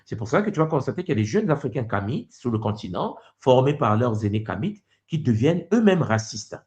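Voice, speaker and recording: A man with a lively, rising-and-falling voice hosts a spirited debate. He argues his case at length and presses his guest, often cutting in to steer the talk back to his point. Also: medium pitch, a little fast. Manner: probing, interrupts to press a point. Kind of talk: conversational debate.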